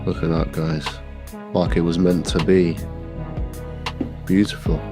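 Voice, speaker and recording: A man with a cold, his voice low, unhurried and slightly nasal, casually narrates a workshop vlog about repairing a pair of glasses. He's an optician showing off a frame job, talking products with relaxed enthusiasm and fillers while music plays in the background.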